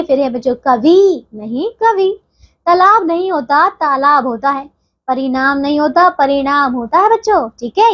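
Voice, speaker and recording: A woman's voice: very high voice, highs cut off. A woman teaching a grammar lesson to young children, patient and explaining step by step, often checking that they follow.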